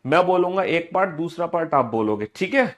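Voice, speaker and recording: A man's voice: on the high side, animated, brisk. A man teaching a live online class, repeating his instructions over and over and leading students in call-and-response drills. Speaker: online exam coaching teacher.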